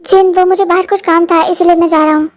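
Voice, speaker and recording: High-voiced reader doing a hesitant young man. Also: flat delivery, fast talker. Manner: hesitant, polite.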